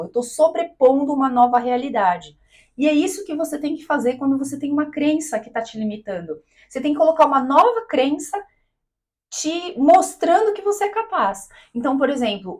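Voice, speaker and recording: A woman's voice: high-pitched, darkish tone. A woman from Brazil giving an explanatory talk to camera as a coach, didactic, checking in with her listener often. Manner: didactic, checks in with "tá?" and "né?", acts out quoted voices. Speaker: business and mindset coach.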